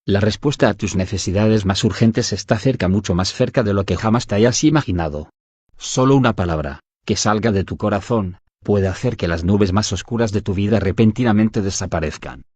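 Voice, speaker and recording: A man narrating a devotional audiobook in an even, measured reading style. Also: fairly low pitch, slightly rough, no room sound. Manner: even, measured reading that voices punctuation aloud.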